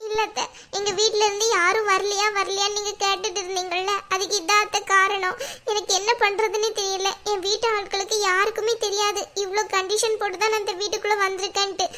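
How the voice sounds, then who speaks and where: Worried young cartoon wife, voiced by a woman, pleading, very high bright voice. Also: flat delivery, fairly quick. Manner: anxious, pleading. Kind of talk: cartoon voice acting.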